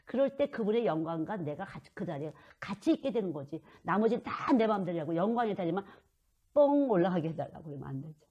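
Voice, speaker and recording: A woman's voice: on the low side, sing-song, fast, slightly rough. Earnest woman preacher, muffled recording. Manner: earnest, acts out pleading prayers to God. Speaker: children's missionary preacher. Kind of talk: sermon.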